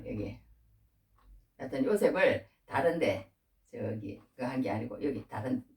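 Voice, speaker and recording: A woman gives a homely, conversational sermon, retelling a Bible story in her own words. Her pitch rises and falls in a very animated way. She sounds a little distant from the microphone. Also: reverberant. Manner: folksy, retells scripture with acted-out dialogue. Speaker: preacher.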